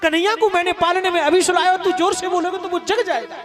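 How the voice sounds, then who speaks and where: An aged mother, grieving yet doting, speaks in a very high, plaintive sing-song voice, as a male storyteller puts her on. Instrumental music plays clearly behind her. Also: fairly even intonation, fast talker.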